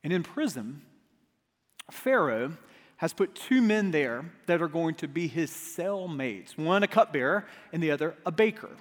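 A man preaching a Bible teaching sermon at a pulpit microphone, emphatic, with dramatic pauses, repeated phrases and rhetorical questions. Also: fairly high pitch, expressive. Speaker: pastor preaching to a congregation. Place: large, reverberant church hall. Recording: echoey large hall through pulpit microphone.

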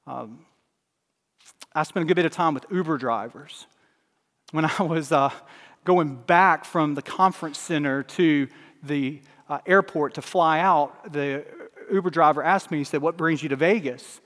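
A man's voice: a little high, a little slow, a bit bright, big-room sound. A man from Alabama, a pastor, preaching a sermon with emphatic swells and drops in volume.

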